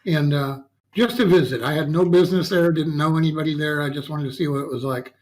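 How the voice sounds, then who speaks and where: A man's voice: fairly high pitch, fast talker, a little mellow, rough recording. A man hosting a casual online interview, folksy and chatty, often tagging his sentences with "okay?" and "yeah". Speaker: talk show host.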